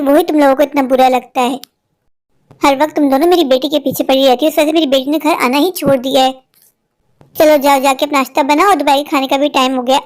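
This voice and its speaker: A sharp-tongued older mother-in-law, as a woman voices her in an animated family story. Her high-pitched voice keeps scolding and complaining. She shouts for her daughters-in-law and grumbles about them. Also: lightly acted. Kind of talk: cartoon voice acting.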